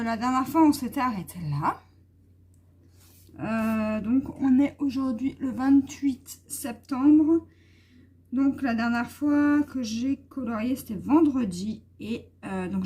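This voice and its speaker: Slow, mellow-voiced woman chatting while coloring. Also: fairly high pitch, breathy edge. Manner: hesitant, many fillers, talks while coloring. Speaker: vlogger. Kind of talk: casual coloring vlog chat.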